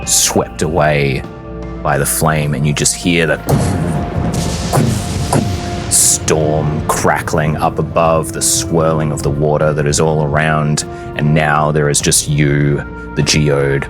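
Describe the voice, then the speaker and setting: With music playing in the background, a very deep-voiced game master narrates a tabletop fantasy session in a flat delivery. His pacing is deliberate and portentous, broken by long dramatic pauses.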